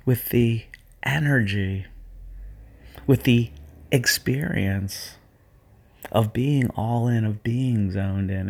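A middle-aged man leading a guided hypnotic visualization for athletes, speaking in hushed, soothing, repetitive phrases. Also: lowish voice, creaky, breathy edge.

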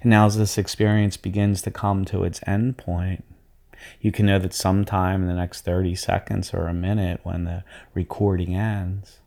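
Soothing, gravelly-voiced man guiding a visualization. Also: low voice, flat delivery, warm tone. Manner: slow, soothing, hypnotic delivery. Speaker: sports performance coach. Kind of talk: guided visualization script for athletes.

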